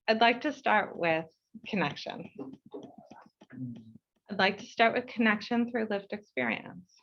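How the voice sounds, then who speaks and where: A woman from the United States, serving as board chair, reads a prepared speech at an online meeting. Her mid-range voice is animated and a bit bright, though the recording is muffled. She speaks in a measured, heartfelt way and slows down for emphasis.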